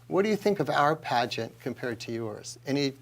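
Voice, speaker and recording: A man's voice: medium pitch, expressive, moderate pace, creaky. A man hosting a live talk show, joking with the guest and the studio audience.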